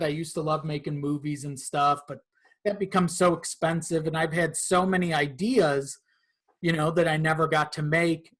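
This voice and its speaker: A man who creates horror audio dramas chats casually as a podcast guest about his own work, swearing now and then. His voice is fairly high and a bit bright.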